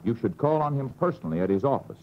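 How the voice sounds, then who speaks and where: Over a dull, faintly hissing vintage film soundtrack, an American man speaks as the narrator of an instructional film. His pitch sits in the middle, and although his pacing is measured and instructive, his intonation stays lively.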